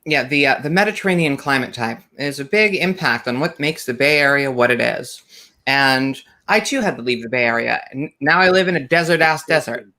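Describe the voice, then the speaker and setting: A man's voice: mid-range voice, animated, a little fast, bright, forceful tone. A man hosting a podcast, speaking in an easygoing, slightly hesitant way. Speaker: podcast host. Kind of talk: casual podcast chat.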